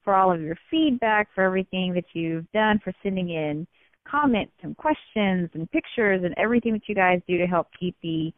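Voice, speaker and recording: A woman's voice: fairly low pitch, lively intonation, brisk, no echo. A woman co-hosting a podcast, speaking earnestly and thanking listeners in a casual chat. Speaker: podcast co-host. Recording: tinny phone-line sound, dry.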